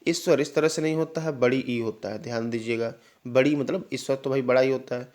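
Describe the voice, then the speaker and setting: A man's voice: mid-range voice, fairly even intonation, a little fast, darkish tone. A young man teaching an online exam-prep lesson, explaining patiently, checking understanding with little affirmations and calling students "brother". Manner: addresses students directly, sometimes calling them "भाई".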